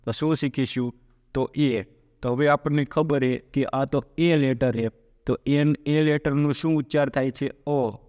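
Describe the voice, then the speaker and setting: A man teaches a step-by-step language lesson in a smooth, resonant voice. He poses questions and then answers them himself, and stretches out each example word slowly. The sound carries a long reverb. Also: medium pitch, fairly even intonation, a little mellow. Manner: slows down to spell out example words. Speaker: English teacher.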